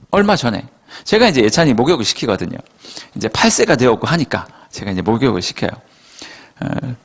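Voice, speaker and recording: A male pastor preaching a sermon to young adults in a lively storytelling style, speaking to the congregation directly and acting out dialogue. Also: mid-range voice, husky. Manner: addresses listeners directly and conversationally. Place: church worship service.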